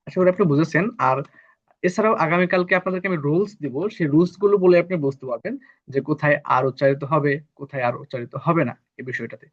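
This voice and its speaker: A man from Bangladesh teaches a live online lesson, patiently repeating each term so students catch it. His voice sits a little high and sounds husky. The recording is dull and lo-fi. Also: fairly quick. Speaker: English teacher.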